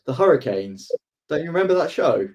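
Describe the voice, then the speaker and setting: A man's voice: a little high, very animated, a little fast, a little mellow, lo-fi sound. A man bantering casually as a podcast host.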